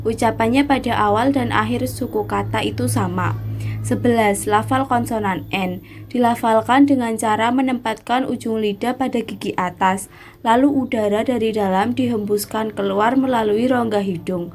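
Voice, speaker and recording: A woman's voice: fairly high pitch, normal speed, a little hiss or hum. A woman reading a phonetics lesson aloud as a numbered, step-by-step recitation. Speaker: student presenter.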